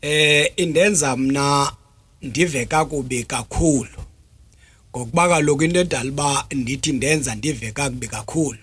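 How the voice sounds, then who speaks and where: A man with a Xhosa accent from South Africa, explaining things deliberately as an interview guest, with frequent hesitation sounds. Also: medium pitch, a bit bright, breathy edge. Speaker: traditional healer interview guest.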